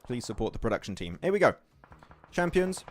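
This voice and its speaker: A man co-hosting a live esports watch party, commentating with energetic outbursts and frequent laughs. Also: mid-range voice, fairly quick, slight background noise.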